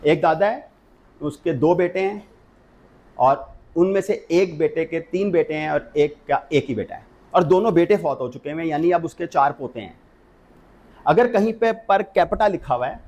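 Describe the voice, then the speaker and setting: A man's voice: a little high, measured pace, pauses often, darkish tone, muffled recording. Pakistani man lecturing on law. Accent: Pakistani Urdu. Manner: explains step by step, mixing English legal terms.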